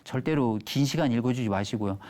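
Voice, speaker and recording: A middle-aged man, an elementary school teacher, giving a lively lecture on a TV stage and acting out the voices of children and parents. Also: medium pitch, a little fast. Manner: animated storytelling, acts out children's and mothers' voices.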